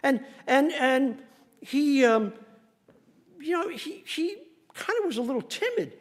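A male pastor delivers a sermon with a strikingly high voice. He preaches in an animated, emphatic way, swinging widely in pitch and laughing often as he makes his points. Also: takes it slowly.

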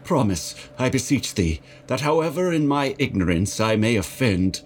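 A man's voice: mid-range voice, sing-song, normal speed, a little hiss or hum, pitched above the performer's own voice, close to an everyday voice. A man voicing an earnest, devoted young shepherd who pleads in old-fashioned speech. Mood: earnest, pleading.

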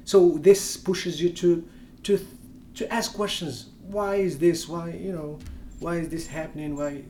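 Here a young man from Morocco, whose mother tongue is Tamazight, is interviewed in English and keeps hesitating, restarting and using fillers. His voice sits on the high side, mellow, fairly even in intonation and unhurried. There's slight background noise.

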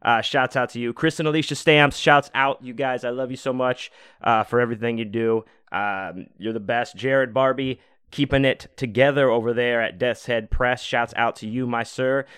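Recorded at studio quality with no room sound, this podcast host's medium-pitched voice is clear, resonant and a bit bright, with fairly even intonation and a moderate pace. Alone in a home room, he talks loosely in a rambling monologue full of fillers and swearing.

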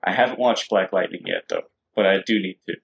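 A man's voice: sits low, fast talker, fairly bright tone, a little hiss or hum. A man co-hosting a casual podcast, talking eagerly about shows he follows. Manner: eager, enthusiastic fan talk. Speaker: podcast co-host. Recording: dull lo-fi podcast audio.

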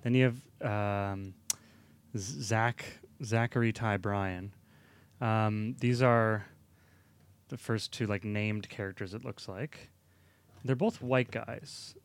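A man's voice: fairly low pitch, fairly even intonation, takes it slowly, pauses often, clean tone. Rambling young man talking movies. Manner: rambling, hesitant, many fillers and restarts. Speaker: podcast co-host. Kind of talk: casual movie review chat.

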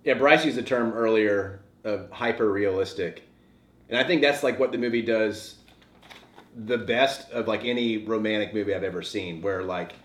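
Rambling young man in echoey room. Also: on the low side. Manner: rambling, heavy use of "like". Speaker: podcast co-host. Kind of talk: casual chat.

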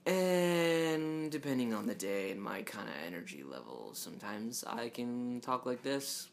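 A podcast host rambles through a casual solo episode at a measured pace, his low voice gravelly and fairly monotone. He restarts often, uses lots of fillers, and throws joking asides to his listeners.

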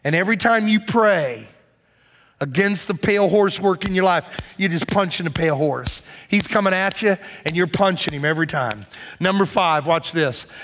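A pastor preaches in a man's voice pitched a little above average and slightly bright. His style is conversational, and he hammers his points home by repeating key phrases.

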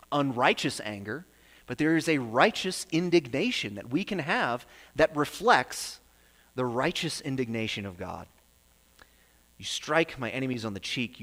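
A man preaching a sermon with earnest emphasis, rising on key phrases and dropping low and soft at their ends. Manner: earnest, builds emphasis then drops to a soft low close. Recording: long hall reverb.

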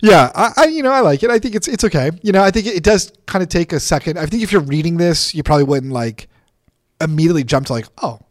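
Man, slightly high voice, dry close sound, laid-back podcast chat. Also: animated, quick pace, no echo. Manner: easygoing, filler-heavy, agreeable. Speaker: podcast co-host. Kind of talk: casual chat.

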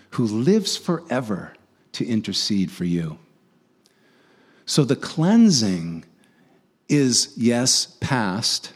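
A man's voice: mid-range voice, breathy edge. A man preaching a conversational sermon, earnestly asking his listeners rhetorical questions and often restarting his sentences.

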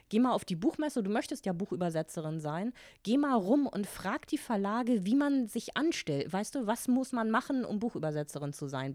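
Speaking German, a woman in her forties recounts vivid episodes from her life as a guest in a casual interview, dramatizing the thoughts she quotes. She has a mid-range voice, and the studio-quality recording has no echo.

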